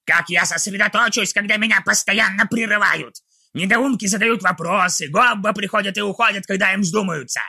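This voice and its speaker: Nasty goblin warlord, high scratchy gravelly voice, barks orders at everyone. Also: male voice, brisk, sharp tone, heavily acted. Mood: irritated. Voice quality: shrill, gravelly and raspy. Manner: barking, ranting orders. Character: cruel scheming male goblin warlord, short-tempered.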